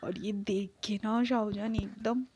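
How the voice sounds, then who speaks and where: A woman's voice: mid-range voice, fairly even intonation, measured pace, darkish tone, a little hiss or hum. Chatty woman retelling a fan fiction story. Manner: chatty, with lots of filler words.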